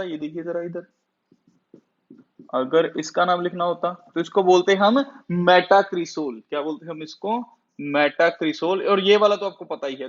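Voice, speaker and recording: A man teaching a chemistry class, who often asks the students questions and then answers them himself. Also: on the high side. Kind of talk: classroom lecture. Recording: dull lo-fi sound.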